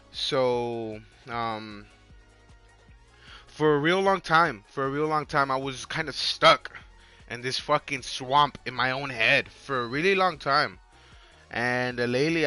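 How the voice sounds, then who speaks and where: A man in his twenties chatting casually on a livestream with a hoarse, worn-out voice, rambling in slang and repeating his phrases. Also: medium pitch, bright, forceful tone. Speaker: live game streamer.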